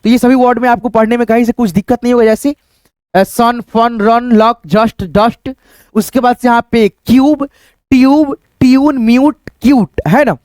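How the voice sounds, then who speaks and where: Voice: mid-range voice, moderate pace, darkish tone, dry recording. A teacher giving a phonics lesson, repeating each word and often calling the viewers friends. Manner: repetitive, addresses viewers as friends.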